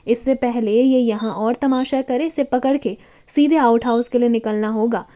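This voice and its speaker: A woman voicing a calm, wealthy young husband who humors his tipsy wife in a storybook. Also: on the high side, moderate pace, natural voice. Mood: dry. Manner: calm, dry, indulgent. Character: cool, wealthy young husband, amused and patient.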